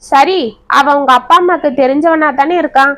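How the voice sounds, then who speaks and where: A woman's voice: sits high, steady tone, normal speed. A woman voicing a kind, protective old grandmother who coaxes and comforts a child. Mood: coaxing. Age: older. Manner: gentle, coaxing, worried.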